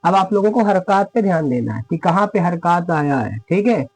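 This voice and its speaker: High-voiced man teaching Quran reading. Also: expressive, moderate pace, slightly rough, poor audio. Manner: explains step by step, checks in with listeners often. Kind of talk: spoken lesson with recited examples.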